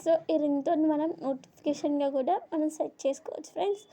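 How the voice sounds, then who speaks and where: A woman walks her viewers through phone settings in a friendly, casual tutorial, calling them friends. Her voice is high and soft, with a dark, mellow tone. She echoes each menu item the screen reader announces. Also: steady tone, fast. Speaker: tutorial host.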